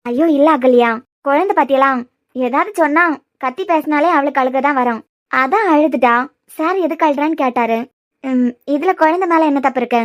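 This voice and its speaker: A woman voicing a gentle young caretaker in a cartoon, coaxing and soothing in a Kanyakumari Tamil accent. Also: high-pitched, normal speed, no room sound, highs cut off, close to an everyday voice.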